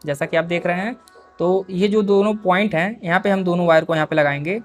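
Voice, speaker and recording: A man's voice: high voice, fairly quick, faint music behind. A man hosting a repair tutorial, explaining each step patiently as he works and often calling his viewers dear friends. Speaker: repair video host.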